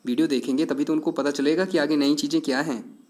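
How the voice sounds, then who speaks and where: A man teaching an online English lesson, explaining step by step in an earnest, patient way and often checking that it is clear. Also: on the high side, fairly even intonation, fast, darkish tone.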